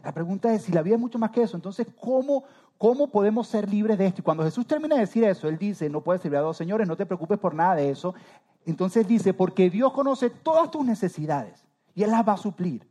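A man preaching a sermon with a fairly high but mellow, warm voice. His delivery swings between loud emphatic rises and soft trailing endings. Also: lively intonation, brisk. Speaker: pastor.

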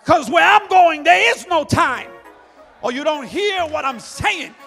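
A middle-aged man preaches a fervent sermon with a very high, rough-edged voice, crying out hallelujah over and over. His shouts ring through a long church reverb, with faint music playing under him. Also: animated, measured pace. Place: church sanctuary.

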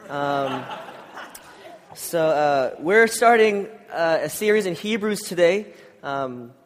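A man's voice: a little high, takes it slowly. A man preaching in an informal, conversational and slightly hesitant way, with a congested, nasal voice. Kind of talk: informal church sermon with scripture reading and prayer. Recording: long hall reverb.

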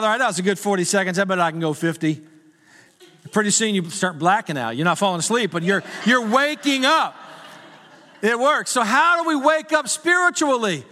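Male pastor, sermon, high voice, joking and conversational, long church reverb. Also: sharp tone. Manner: conversational, self-deprecating humor, rising to urgent appeals. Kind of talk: sermon with humorous stories.

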